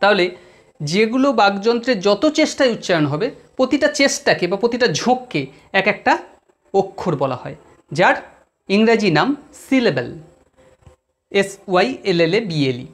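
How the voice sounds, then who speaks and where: West bengal accent teacher going over grammar slowly, keeps repeating the key words, talks right to the students. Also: mid-range voice, lively intonation. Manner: deliberate, repeats key terms, addresses students directly. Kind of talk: explanatory exam-prep lesson.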